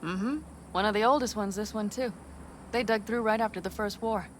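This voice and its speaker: A woman's voice: mid-range voice, moderate pace, a little hiss or hum, lightly acted. A woman playing a tough, confident nomad in a video game, matter-of-fact and reassuring. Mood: assured.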